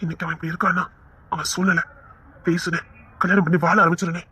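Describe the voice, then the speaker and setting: A man's voice: high voice, level tone, fast, sharp tone, breathy edge, dry recording, heavily acted. A man voicing an earnest younger brother who pleads eagerly with his elder. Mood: pleading.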